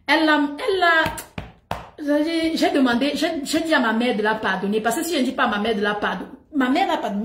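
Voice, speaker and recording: A woman's voice: high-pitched, a little hiss or hum. A middle-aged woman streaming live, delivering an emphatic, repetitive gossip monologue and laughing often. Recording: roomy echo.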